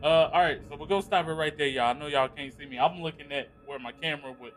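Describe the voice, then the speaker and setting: A man's voice: on the high side, fast talker, faint music behind. A man commentating a horror game as a hyped gamer bro, slangy and profane. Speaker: gaming video host.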